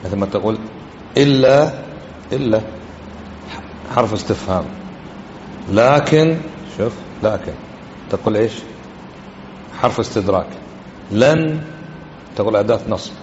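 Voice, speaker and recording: In an echoey hall, captured in dull lo-fi with a faint hiss, a religious teacher explains grammar and hadith in a fairly low, slightly mellow, expressive voice. He speaks at a moderate pace, pausing often, and questions his listeners again and again.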